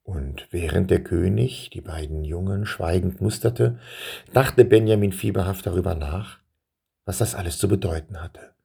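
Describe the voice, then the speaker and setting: A man reading a children's story aloud in a calm manner and turning to address his young listeners. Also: low voice, moderate pace, gravelly, husky.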